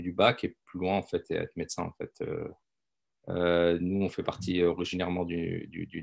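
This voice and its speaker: A middle-aged man from France, an intensive care doctor, is the guest in a casual interview, and his speech is hesitant and packed with fillers and repeated words. He has a deep, gravelly voice with a darkish tone.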